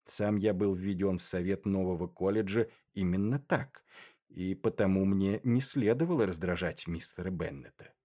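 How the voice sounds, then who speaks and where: A man reading first-person literary narration in a measured, dry and ironic way. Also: sits low, dark tone. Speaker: audiobook narrator.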